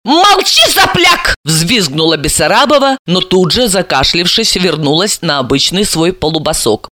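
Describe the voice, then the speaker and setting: Woman audiobook narrator, animated pitch, bright tone, dry close sound. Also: moderate pace, dry recording. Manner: expressive storytelling. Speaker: audiobook reader. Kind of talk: scripted narration.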